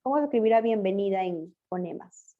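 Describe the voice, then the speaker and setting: A woman teacher giving an online language class, patiently quizzing her pupils and spelling words out slowly. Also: mid-range voice, animated. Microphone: video call. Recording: muffled lo-fi video call audio.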